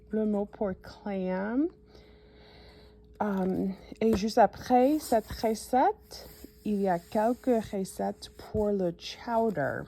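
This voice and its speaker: A woman's voice: medium pitch, vocal fry, warm tone. A woman from the New York suburbs with an American accent, a native English speaker, hesitantly walking viewers through a cookbook in a casual vlog. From United States (New York suburbs). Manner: hesitant, frequent fillers and self-corrections. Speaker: cooking channel host.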